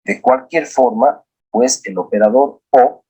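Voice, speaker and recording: A man teaching a software lesson, walking through each step aloud and often asking his students to look at the screen. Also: mid-range voice, a little slow, slightly rough, low-quality recording. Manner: walks through steps aloud, often prompting "look here".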